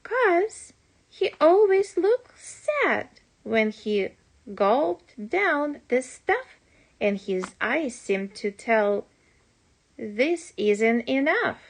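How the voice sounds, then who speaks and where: In a high-pitched voice, a woman reads a rhyming children's storybook aloud the way a parent would. Her storytelling is expressive and deliberate.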